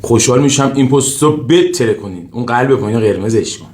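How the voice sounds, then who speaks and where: A man's voice: mid-range voice, expressive, darkish tone. A man with an Iranian Persian accent chats casually to viewers as a mukbang host, eating as he talks and humming as he savors the food. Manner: eating while talking, with savoring hums. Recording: roomy echo, faint noise, clinking dishes.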